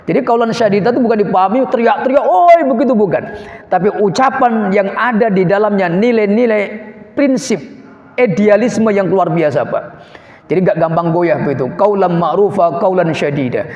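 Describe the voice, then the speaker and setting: A man's voice: high voice, moderate pace, a little mellow. A male preacher giving a mosque sermon, explaining Arabic phrases simply and often turning to the listeners as "Pak". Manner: keeps addressing listeners as "Pak". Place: mosque hall. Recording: echoey muffled hall recording.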